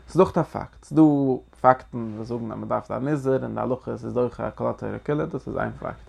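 A man's voice: medium pitch, brisk, gravelly, a little mellow, husky. A man giving Passover guidance as a religious teacher. He talks earnestly and emphatically, repeats key phrases and uses many Hebrew religious terms.

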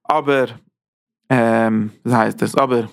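A man's voice: medium pitch, fairly even intonation, takes it slowly, creaky, clean tone, no room sound, studio quality. A man giving a spoken Torah lecture who often restarts and repeats phrases as he explains. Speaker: Torah teacher.

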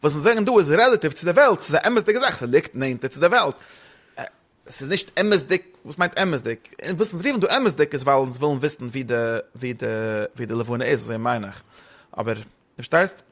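Man, rapid, somewhat high voice, rambling study-partner explainer who switches languages. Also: expressive, fairly bright tone. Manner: rambling, fast, mixes German with Hebrew and English terms. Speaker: teacher explaining a text. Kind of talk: casual study discussion.

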